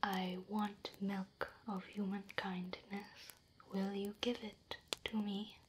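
A woman's voice: mid-range voice, level tone, slow pace, close to an everyday voice. A woman whispering close to the mic as a proud, curious female orc warrior who speaks broken English and talks about herself in the third person. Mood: coaxing. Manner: soft close whisper throughout. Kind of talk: ASMR roleplay.

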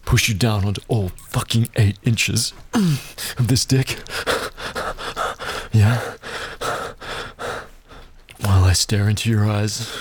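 A man with a husky, slightly mellow voice performs an adult audio roleplay. His delivery is low, intimate, dominant and taunting, with heavy breaths and muttered exclamations filling the gaps between lines.

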